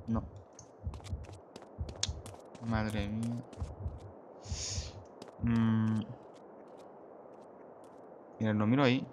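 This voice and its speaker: A man's voice: lowish voice, flat delivery, drawn-out words, long pauses, background noise. A man giving let's play commentary, exclaiming often and talking straight to his viewers. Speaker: gamer host.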